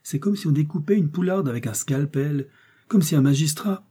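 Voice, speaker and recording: A man's voice: medium pitch, moderate pace, dark tone, slightly rough, lightly acted. A man reading aloud and voicing a pompous, fussy village apothecary in an indignant rant. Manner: indignant ranting tirade, exclamatory.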